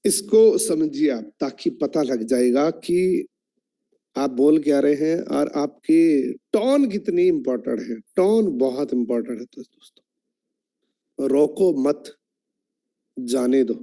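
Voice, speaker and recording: A man's voice: a little high, expressive, slow pace, dark tone. A man running an online training meeting, explaining his point in an instructive way and asking the audience questions.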